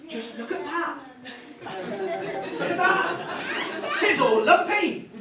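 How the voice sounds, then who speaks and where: A woman playing Goldilocks as a cheeky, excitable pantomime girl, hamming it up for the audience in broad stage style. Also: high voice, slow pace, a loud crowd. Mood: hammy. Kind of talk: stage pantomime acting with audience back-and-forth. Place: theatre stage, distant mic. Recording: echoey theatre from far off, music and audience. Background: music and audience noise.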